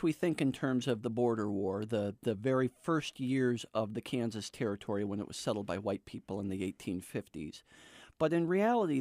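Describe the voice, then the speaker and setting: A man's voice: medium pitch, a little mellow, no echo, clean studio sound. An American man speaking as an author guest in a radio interview, explaining things in an emphatic, storytelling way.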